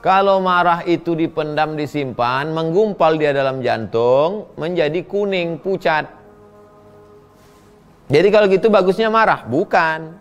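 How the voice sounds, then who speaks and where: A middle-aged man, a preacher answering listeners' questions in a humorous, animated sermon. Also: a little high, measured pace, clean tone, faint music behind. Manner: humorous, animated, acts out quoted voices; reads listeners' questions aloud, then answers.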